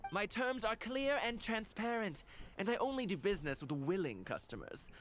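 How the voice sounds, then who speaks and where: A man's voice: high-pitched, very animated, moderate pace, a bit bright. An actor playing a slick, self-justifying jade merchant in a video game, with a theatrical salesman's manner. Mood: smooth, defensive. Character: slick male jade merchant, indignant and smooth-talking.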